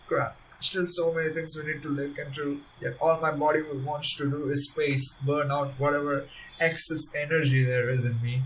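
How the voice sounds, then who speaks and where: A man's voice: fairly high pitch, little pitch movement, normal speed, fairly bright tone, a little hiss or hum. Man reading a story game aloud, a bit distant. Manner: earnest reading, with laughing asides. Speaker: let's-play narrator.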